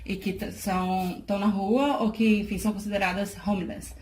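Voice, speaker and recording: A woman talks through her answers at an easy, reflective pace, pausing and restarting as she thinks. The room around her is echoey, with a faint hiss under the voice. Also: mid-range voice, fairly even intonation, a little mellow. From Salvador, Bahia, Brazil. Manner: thoughtful, many fillers and restarts, laughs easily. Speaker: guest, charity project worker. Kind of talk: casual interview talk.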